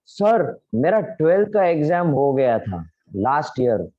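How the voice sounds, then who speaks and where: A man's voice: fairly high pitch, big pitch swings, measured pace, dull audio. A man voicing an anxious teenage boy student who pleads and worries.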